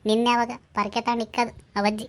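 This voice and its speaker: A woman's voice: a little high, little pitch movement, lightly acted. Woman doing a bossy scheming village man. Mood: hushed scolding. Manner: hurried, urging, hushed scolding. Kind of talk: village comedy skit.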